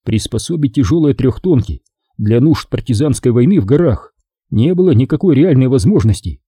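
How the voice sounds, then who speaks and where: A man reading a story aloud as an audiobook narrator, with expressive storytelling delivery. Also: mid-range voice, moderate pace, slightly rough, no echo, studio quality. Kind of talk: scripted narration.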